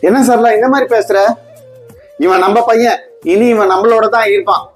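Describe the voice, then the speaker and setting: A gentle, patient husband and new dad, acted by a woman who talks in a soft, coaxing way. He sits at a middle pitch. Faint music plays underneath. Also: steady tone, moderate pace, natural voice. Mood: soothing. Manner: soothing, coaxing. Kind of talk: comedy skit acting.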